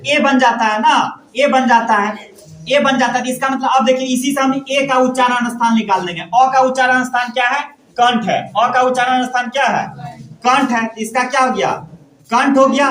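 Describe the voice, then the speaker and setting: A male teacher drilling a lesson, asking questions and answering them himself with steady repetition. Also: very high-pitched. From India. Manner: asks questions and answers them himself, repeating each point. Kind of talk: classroom grammar lesson. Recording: echoey room.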